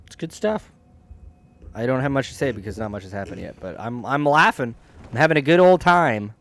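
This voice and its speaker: A man on a game stream, chatting in a loose, rambling way. He guides his co-player, restarts his sentences and often trails off quietly. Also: mid-range voice, lively intonation, brisk. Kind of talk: casual chat.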